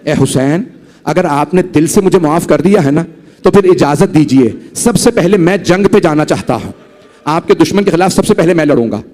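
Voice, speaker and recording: A remorseful warrior man, begging forgiveness in a slow, lowered, heavy voice, as a male preacher acts him out within a sermon. He sounds humbled and guilt-ridden, drawing each plea out. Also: animated, a little mellow, lightly acted.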